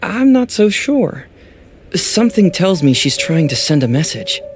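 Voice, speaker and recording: An actor playing a sly, self-assured young detective in a video game, smug and teasing. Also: male voice, high voice, sing-song, unhurried, faint music behind. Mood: wry. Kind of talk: game voice acting.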